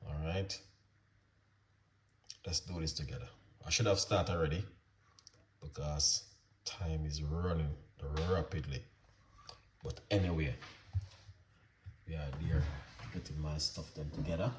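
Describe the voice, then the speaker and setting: A man with a soft, quiet voice, hosting a casual cooking demonstration and chatting unhurriedly with plenty of fillers. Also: steady tone, a little slow, long pauses, reverberant, distant mic, slight background noise. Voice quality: soft, low-volume voice. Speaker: recipe channel host.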